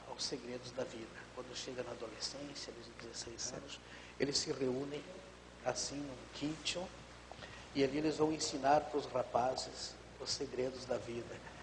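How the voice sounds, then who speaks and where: Talking at a moderate pace in a middle male pitch, this pastor explains things calmly during a live TV studio segment, his sentences frequently trailing off softly. The studio gives a long reverb tail and a faint hiss.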